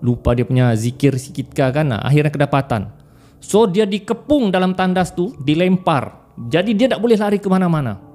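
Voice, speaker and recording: A young man telling a story casually, animated and laughing often as he mimics voices. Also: on the high side, fairly quick.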